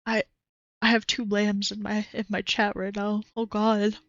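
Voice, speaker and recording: A young woman streamer chatting casually and excitably as she reacts to a video, swearing freely. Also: medium pitch, a little slow, dry recording, muffled recording. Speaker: streamer host.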